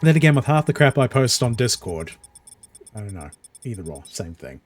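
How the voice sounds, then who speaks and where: A man's voice: mid-range voice, very animated, moderate pace, faint music behind. Wry man commenting on a game. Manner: wry, sarcastic, swears freely. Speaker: streamer. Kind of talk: casual gameplay commentary.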